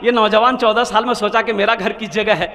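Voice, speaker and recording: A preacher with a strikingly high voice tells a moving story in a dramatic way, pressing the crowd to call back answers. His words ring out with the long echo of a large hall. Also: steady tone, fairly quick, pushed and bright. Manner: dramatic, calls on the audience to answer. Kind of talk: emotional sermon storytelling.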